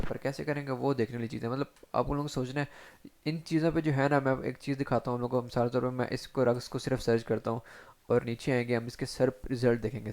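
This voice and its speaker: A man teaching SEO in a chatty screen-share tutorial, talking straight to viewers and filling pauses with short check-ins. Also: mid-range voice, darkish tone. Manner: chatty, addresses viewers directly with frequent fillers. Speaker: SEO instructor.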